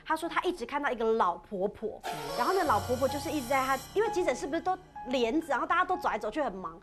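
A woman casually telling a ghost story on a podcast, chatty and animated, with many filler particles. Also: sits high, racing. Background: background music.

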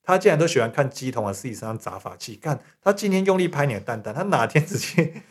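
Guy rattling off a story quick, laughs a lot, chatty podcast vibe. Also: medium pitch, sing-song, husky. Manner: rapid, laughing storyteller, trails off with 这样子. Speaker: podcast co-host. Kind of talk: casual chat.

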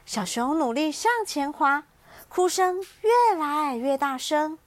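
A woman reads a children's bedtime story aloud as a mother would. Her voice sits high and bright and moves at an unhurried, gentle pace. The delivery stays soft and soothing throughout. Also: expressive, dry recording.

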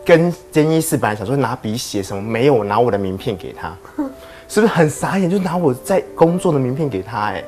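A young man tells his story at a rapid clip, animated and laughing as he goes. He speaks as a guest in a casual chat, and faint music plays beneath his voice. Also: mid-range voice. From southern Taiwan.

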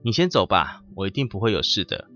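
A man's voice: on the low side, very animated, brisk, pushed and bright. A man voicing a stubborn, devout man who insists on waiting to be rescued, speaking firmly. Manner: firm, insistent. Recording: muffled with faint music.

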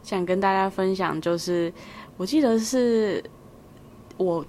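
A young woman with a Taiwanese Mandarin accent, co-hosting a podcast and telling a story in casual chat, lively and animated. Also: medium pitch, slow pace, a little hiss or hum. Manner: lively, animated storyteller who acts out quoted voices. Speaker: podcast co-host.

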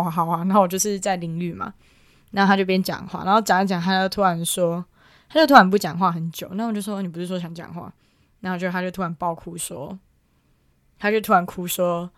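A woman's voice: fairly low pitch, no room sound, studio quality. A young woman from Taiwan telling a personal family story in casual chat, rambling with many fillers and restarts. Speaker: guest.

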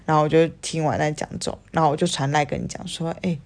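A young Taiwanese woman tells a story on a podcast in a lowish voice with a gravelly edge. She acts out her own lines and drops casual curses as she goes. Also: steady tone, fast talker. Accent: Taiwanese Mandarin. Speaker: podcast co-host.

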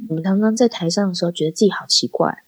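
A woman hosting a podcast in a low voice, talking in a casual, reflective way and often pausing to search for words. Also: breathy edge, no room sound, faint music behind, poor audio. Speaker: podcast host. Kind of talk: casual talk. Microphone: phone-app voice recording.

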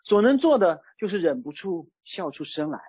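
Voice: medium pitch, big pitch swings, moderate pace, a little mellow, breathy edge, dry recording, lo-fi sound. A preacher giving a sermon in a conversational way, using everyday examples. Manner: conversational, uses everyday chat-group analogies. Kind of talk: sermon on a psalm.

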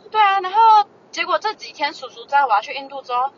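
Sex: woman. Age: early 20s. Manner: animated, exasperated storytelling. Pitch: high. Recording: dull lo-fi. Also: quick pace. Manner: animated, exasperated, mimics other people's voices. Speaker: podcast co-host. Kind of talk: casual chat, ranting storytelling. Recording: dull lo-fi audio with faint noise.

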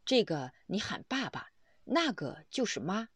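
A woman's voice: mid-range voice, very animated, measured pace, breathy edge, dry recording. Woman doing a pushy, bargaining bank manager. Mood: persuading. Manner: bargaining, explaining.

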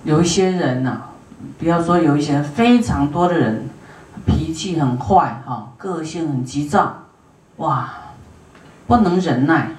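A woman Buddhist teacher giving an unhurried dharma lecture to an audience, filling pauses with drawn-out "ah" sounds and putting questions to her listeners. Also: low voice, darkish tone, a little hiss or hum. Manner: unhurried, with many drawn-out "ah" fillers; asks the audience questions and to raise hands. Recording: roomy hall sound, voice from a distance.

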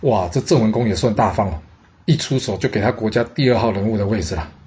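A man's voice: on the low side, quick pace, a little mellow, breathy edge. A man telling a history story in a chatty, conversational way, with explaining asides. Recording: dull lo-fi audio.

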